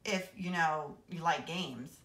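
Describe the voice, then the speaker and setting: A casual, offhand schoolgirl chatting with her friend, as a woman reader puts her on. The voice is low and lively, with an echoing room around it. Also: slow. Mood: chatty. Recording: roomy echo.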